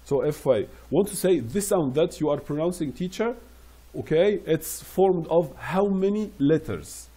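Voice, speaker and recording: Slow, husky male French teacher. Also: a little high, animated, warm tone. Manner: explains French phrases in English, repeating each slowly. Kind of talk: classroom phrase lesson.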